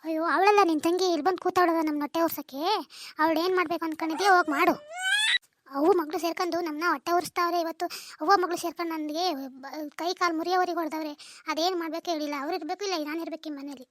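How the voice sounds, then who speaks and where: A woman playing a shrill bitter young wife. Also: fairly even intonation, racing, a little hiss or hum. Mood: bitter nagging. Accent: North Karnataka Kannada. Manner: shrill, accusing, nagging. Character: young sharp-tongued wife, resentful and bitter.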